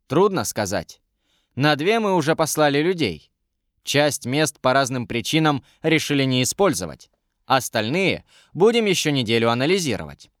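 A polite young royal adviser in an audiobook, measured and courteous, in a man's plain mid-range voice, as the narrator puts him on. His voice is lively and expressive, recorded dry and close. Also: medium pitch, dry recording, lightly acted. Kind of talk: audiobook character reading.

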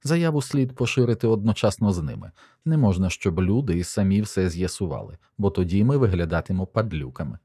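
Brisk, wry press woman, read by a man, low and mellow. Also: expressive, slightly rough, no echo, clean studio sound. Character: sharp, practical woman in charge of press.

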